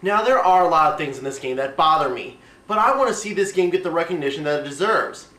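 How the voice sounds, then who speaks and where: A man's voice: a little high, expressive, fast, pushed and bright. A man hosting a scripted comedic video game review, talking to his audience. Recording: echoey room, distant microphone.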